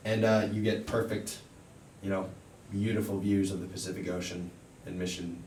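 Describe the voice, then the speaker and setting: A young man delivering a persuasive sales pitch as a venue salesperson, emphatic and full of assurances. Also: little pitch movement, moderate pace, a little mellow. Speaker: event venue salesperson in a role play. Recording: echoey room, distant mic, faint rumbling noise.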